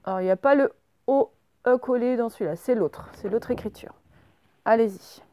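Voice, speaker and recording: A woman teacher leading a remote handwriting and dictation lesson, slowly spelling words out letter by letter. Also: fairly high pitch, mellow. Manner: slow, spells out letters step by step. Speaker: primary school teacher.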